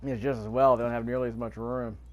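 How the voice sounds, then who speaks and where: A gaming video host offers casual, off-the-cuff commentary, thinking aloud and repeating phrases over faint video game ambience. His mid-range voice moves little in pitch and runs fast.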